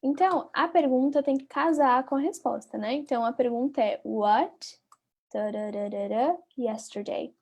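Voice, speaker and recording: Woman, brazilian portuguese accent, online english teacher, repeats words patiently, warm dark tone. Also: high-pitched. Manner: patient, drills words by repeating them slowly, chatty asides to viewers. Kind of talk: live online English lesson.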